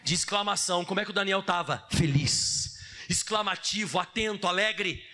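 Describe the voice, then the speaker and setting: This is a high-voiced Brazilian pastor preaching a sermon with dramatic, emphatic storytelling. His tone is bright and forceful, and he acts out sound effects as he goes. He speaks with a Brazilian Portuguese accent and addresses his listeners as brother. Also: normal speed.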